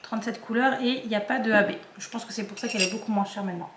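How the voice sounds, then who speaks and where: A woman's voice: on the high side, very fast, echoey room, background noise. A woman vlogger chatting casually and hesitantly, with many fillers and restarts. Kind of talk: casual chat.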